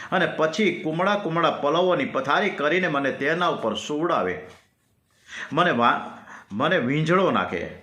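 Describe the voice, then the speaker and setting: A man's voice: a little high, sharp tone. A man voicing a divine male lord who is homesick and grieving, speaking in a tender, sorrowful, confiding way. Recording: roomy echo.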